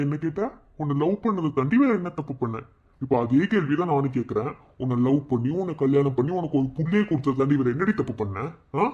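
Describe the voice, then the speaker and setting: A man voicing a bitter, vengeful father in a cartoon, taunting and shouting at his wife. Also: medium pitch, muffled recording, lightly acted. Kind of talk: fan cartoon voice acting.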